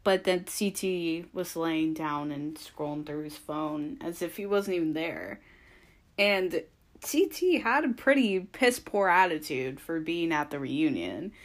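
Young female recap podcaster, lowish register, chatty, opinionated, loosely rambling delivery. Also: lively intonation, a little slow. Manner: conversational, rambling, frequent "like" and hedged opinions. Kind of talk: casual opinionated recap commentary.

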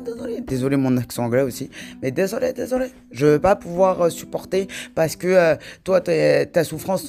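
A woman hosting a casual solo podcast, talking in a reflective, hesitant way and pausing often to think. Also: low-pitched, darkish tone. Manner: reflective, hesitant, many filler pauses. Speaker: podcast host.

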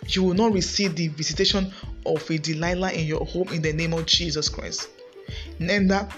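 Nigerian woman preacher praying emphatically over music. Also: medium pitch. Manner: declamatory, forceful praying with emphatic declarations. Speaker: preacher and podcast host.

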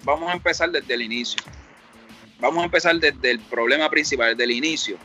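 A man's voice: medium pitch, a little fast, sharp tone, faint music behind. A middle-aged man with a Puerto Rican Spanish accent, a rapper telling his story in a casual interview, rambling and reflective, acting out the dialogue he quotes. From Puerto Rico.

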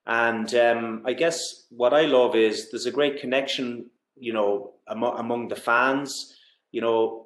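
A man from Galway with a west of Ireland accent, talking enthusiastically and casually about sport as a guest, often dropping in "you know". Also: mid-range voice. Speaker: interview guest. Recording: roomy, echoey sound.

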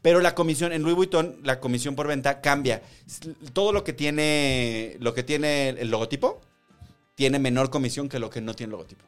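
A young man with a Mexican accent hosts a relaxed podcast conversation. His voice sits in a middle register, and he tells stories with lots of energy, slipping into the voices of the people he quotes. Soft music plays faintly underneath. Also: mid-range voice, normal speed, clean tone. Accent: Mexican Spanish. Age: young adult. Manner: animated storyteller, acts out quoted voices and laughs often. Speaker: podcast host. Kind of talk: casual chat.

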